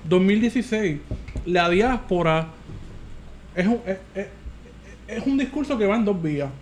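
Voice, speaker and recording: A man's voice: high voice, lively intonation, measured pace. A man with a Puerto Rican Caribbean Spanish accent, talking politics casually as a podcast panelist in a discursive way. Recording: clearly noisy background ambience.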